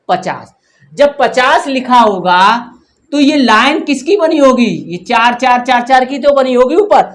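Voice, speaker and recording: A woman teacher giving a patient workbook math lesson to young children, counting numbers aloud one by one. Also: fairly high pitch. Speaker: primary school teacher.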